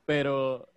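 A man's voice: medium pitch, clean tone, no room sound. Joking man, dry close sound. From Monterrey, northern Mexico. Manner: joking, profane, slangy storytelling. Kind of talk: casual chat.

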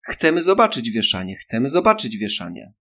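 A man voicing a fierce young boy and his little sister, yelling accusations in a loud voice. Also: mid-range voice, very animated, normal speed, creaky, heavily acted. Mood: demanding.

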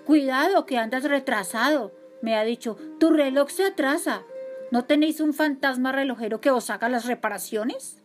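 A woman from voicing an offended ghost who complains in a quick, aggrieved way. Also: sits high, soft background music, pitched above the performer's own voice, lightly acted. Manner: aggrieved, quick, mimicking others.

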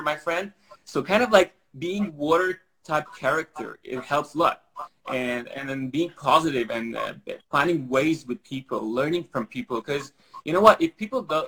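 Heard on a low-quality recording, his voice is on the high side and fairly bright. The Syrian-raised, Armenian-speaking man wanders through casual interview answers, full of fillers and false starts.

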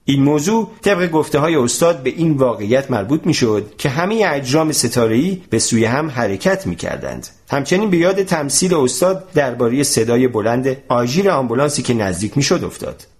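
A man narrating a storybook in an expressive, animated way. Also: mid-range voice, few pauses. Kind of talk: storybook reading.

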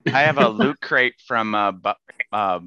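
A man's voice: fairly low pitch, a little slow, pushed and bright, no echo, highs cut off. A man rambling in a casual podcast chat, often searching for words with lots of fillers.

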